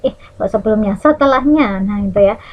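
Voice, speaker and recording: With an Indonesian accent and a mid-range voice, a woman teacher explains Quran recitation rules to children over dull-sounding audio. She draws Arabic words out slowly as she demonstrates them, checking in with her class in a lively, teacherly manner using "ya" and "nah".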